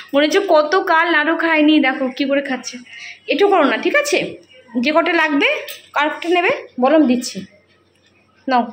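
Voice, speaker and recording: A woman's voice: sits high, a bit bright. A woman, chatting and mothering her kids in a casual home vlog from her kitchen at night. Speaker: family vlogger. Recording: echoey room, faint noise.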